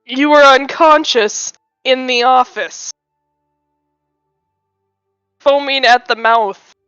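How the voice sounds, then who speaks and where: Bright-voiced woman playing a tabletop game. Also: high-pitched, slow pace, smooth, no room sound, lo-fi sound, soft background music. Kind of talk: casual chat and in-game narration.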